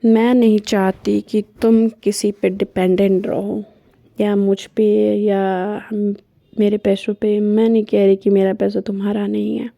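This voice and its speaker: A woman voicing a caring, protective wife who explains things to her partner earnestly and gently, in a storytelling vlog. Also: mid-range voice, creaky, dry recording, studio quality.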